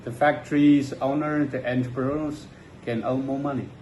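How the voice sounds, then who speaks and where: A man being interviewed, answering slowly in halting English with many fillers. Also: medium pitch, fairly even intonation, darkish tone. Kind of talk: street interview. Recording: echoey room with faint noise.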